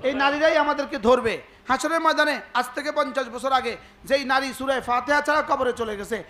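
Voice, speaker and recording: A man's voice: very high-pitched, a little fast, pushed and bright. A man preaching a sermon, asking the crowd rhetorical questions and acting out dialogues. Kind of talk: Islamic sermon (waz).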